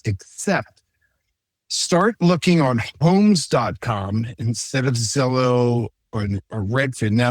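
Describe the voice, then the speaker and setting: A man's voice: mid-range voice, slightly rough, no echo. A man hosting a real estate show, chatting casually in a rambling, joking way with many asides. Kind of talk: casual on-camera chat.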